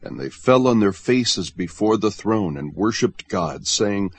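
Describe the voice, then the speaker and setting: A man giving a measured, solemn scripted reading of scripture. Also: lowish voice, lively intonation, slightly rough, no room sound. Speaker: audiobook reader.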